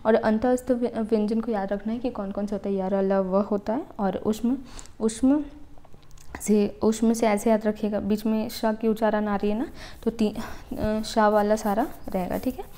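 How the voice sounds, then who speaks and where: Woman teaching letters, mellow voice. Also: medium pitch, steady tone. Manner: explains step by step, repeating "ठीक है" to check understanding; sounds out letters slowly for pronunciation. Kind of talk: exam-prep Hindi grammar lesson.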